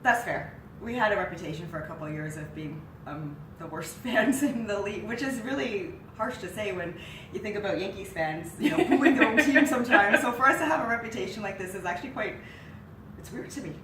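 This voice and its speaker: On a living-room couch, a thirtyish woman with a cold and nasal voice co-hosts a relaxed sports conversation, speaking brisk and medium-pitched. She's chatty and lights up when excited. Picked up by a far camera mic, it sounds roomy, distant and hissy.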